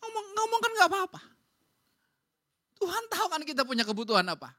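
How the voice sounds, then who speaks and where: A woman pastor, preaching in a lively, colloquial way and acting out quotes. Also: extremely high pitch, fast. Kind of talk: sermon. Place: church.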